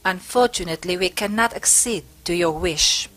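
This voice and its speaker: A woman plays a devout Spanish prioress in a historical stage play, sounding composed, firm, measured and courteous. Her voice is on the low side and a bit bright.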